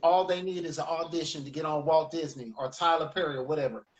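Guy with a pretty high voice, music teacher, chatty and animated, rambles through his stories. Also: fast talker, poor audio. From United States. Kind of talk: casual interview chat.

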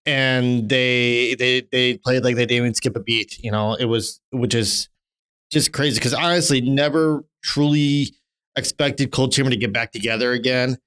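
A man in his thirties co-hosts a podcast in casual chat. His voice is smooth and resonant. He rambles with lots of restarts and drops the odd swear word. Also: mid-range voice, steady tone, moderate pace, a bit bright. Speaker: podcast co-host.

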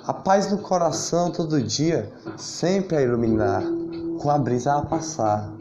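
A man telling a story in a slow, half-sung rap delivery. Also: on the high side, expressive. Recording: roomy, dull, guitar music behind.

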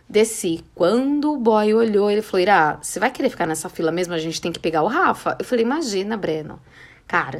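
A young Brazilian woman from the São Paulo area hosts a podcast, telling a story casually and acting out the dialogue with lively voices. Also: medium pitch. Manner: animated, acts out quoted dialogue. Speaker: podcast host.

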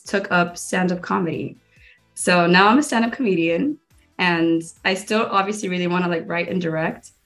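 A young woman from Miami talks in a relaxed, rambling way in an interview, leaning on "like" as she goes. Her voice sits a little low. A faint bed of music plays under her. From Miami, Florida. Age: young adult. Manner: chatty, lots of "like" fillers. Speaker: guest filmmaker and stand-up comedian. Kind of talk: casual interview chat.

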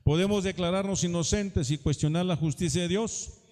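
A man's voice: sits high, moderate pace, a little mellow. A man preaching a sermon in earnest tones, often turning to ask the congregation questions. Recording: long hall reverb.

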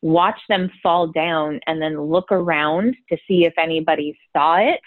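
A woman's voice: low voice, measured pace, no echo. A woman drama therapist explaining her ideas in a podcast interview, often checking in with "right?". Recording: phone-like dry line.

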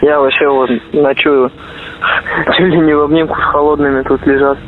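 A young man speaks in a flat, laconic voice, matter-of-fact and casual. He sounds like a soldier calling home over a tinny, narrow phone connection. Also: a little high, moderate pace. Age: young adult. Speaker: soldier calling his mother. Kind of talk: casual private phone conversation. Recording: muffled, narrow intercepted phone line.

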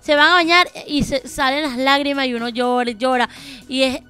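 A woman's voice: sits high, brisk, pushed and bright, clear, resonant tone, faint music behind. A woman co-hosting a podcast in casual chat, enthusiastic and playful as she tells stories. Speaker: podcast co-host.

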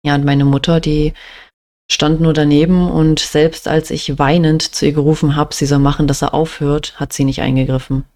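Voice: medium pitch, little pitch movement, moderate pace, darkish tone. A young adult from Germany telling a personal story in a plain, matter-of-fact way, with many small fillers. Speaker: vlogger.

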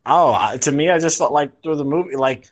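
A man's voice: fairly high pitch, expressive, fairly quick. American man in colloquial podcast banter.

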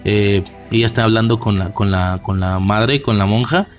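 A man's voice: fairly low pitch, steady tone, normal speed, faint music behind. A man with a Mexican accent giving a casual film commentary, rambling and slangy, with many fillers and restarts. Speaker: movie reviewer.

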